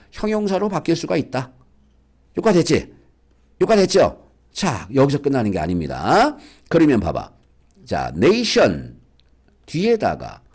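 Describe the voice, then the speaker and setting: A man teaching a basic English reading lesson to schoolchildren, coaxing them along with frequent questions. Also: mid-range voice. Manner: lively, coaxing, asks students questions. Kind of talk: lecture for school kids.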